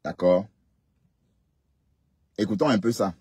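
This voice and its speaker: Husky-voiced man hosting a live stream. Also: fairly low pitch, takes it slowly, a little mellow, no room sound, studio quality. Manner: chatty, scolding, addresses commenters directly. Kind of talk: casual live stream talk.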